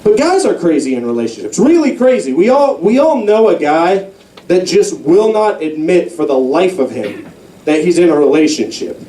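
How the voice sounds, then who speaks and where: Animated male stand-up comic, roomy club. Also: sits high, moderate pace. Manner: animated, slips into mock voices for characters. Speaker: stand-up comedian. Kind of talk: stand-up comedy set. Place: comedy club stage. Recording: roomy club sound from a distance.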